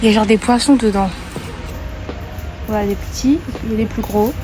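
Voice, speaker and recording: A woman's voice: medium pitch, fairly quick, over music. A woman in her twenties talks casually to viewers while walking around outdoors with a handheld phone camera, chatting and making self-conscious asides. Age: 20s. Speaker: travel vlogger. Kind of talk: casual solo travel vlog. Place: outdoors, walking through parks and streets.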